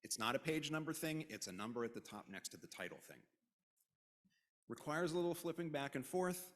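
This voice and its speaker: A man's voice: a little high, animated, a little fast, a bit bright. A man leading a religious service, giving conversational announcements with informal, joking asides. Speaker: service leader. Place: congregation's worship hall. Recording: long hall reverb.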